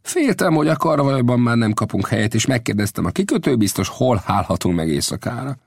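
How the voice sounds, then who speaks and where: A man's voice: medium pitch, creaky, dry recording, studio quality, voice pushed up. A man voicing a wry old frontier scout. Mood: calm wry. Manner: calm, mocking self-assurance. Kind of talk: audiobook character voice.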